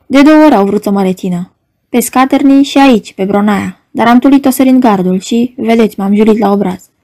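A wild young man, a poet, frantic and shouting, as a woman puts him on in an audiobook. The voice is pitched up and mellow, never calm for long. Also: no echo, lightly acted. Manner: frantic, raised voice. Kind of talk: audiobook character reading.

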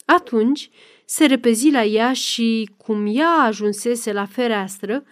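A woman reads a dramatic novel aloud with steady, measured pacing. Her voice is a little higher than most women's. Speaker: narrator. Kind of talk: dramatic audiobook reading.

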